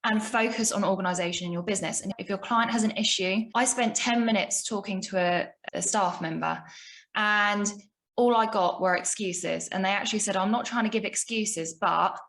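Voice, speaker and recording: A woman's voice: mid-range voice, normal speed, fairly bright tone, rough recording. A woman co-hosting a business podcast, telling a story emphatically and with indignation. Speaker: podcast co-host. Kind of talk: casual business podcast chat.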